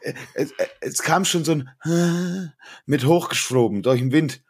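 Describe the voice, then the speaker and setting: A man's voice: on the high side, a little slow, husky. A man chatting casually on a podcast, telling an exasperated story about a coworker. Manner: animated, exasperated storytelling with mimicked catchphrases. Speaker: podcast co-host. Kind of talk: casual chat.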